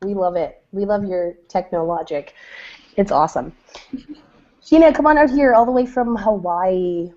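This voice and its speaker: A woman from Canada hosts a casual online webinar over a video call, talking in an eager, chatty flow. Her voice is mellow and warm. The call audio sounds dull and lo-fi. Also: medium pitch, moderate pace. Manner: enthusiastic, chatty, frequent fillers. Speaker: host.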